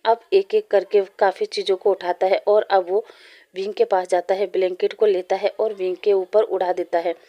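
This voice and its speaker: A woman narrating a fan fiction story aloud in a steady, plain reading voice. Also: mid-range voice, normal speed, highs cut off.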